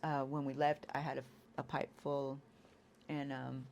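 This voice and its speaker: A woman giving a candid personal recovery testimony. She talks in a halting way, restarts often and leans on "you know". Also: rumbling low, level tone, slight background noise. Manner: acts out quoted lines with sudden loud bursts. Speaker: guest sharing an addiction recovery story.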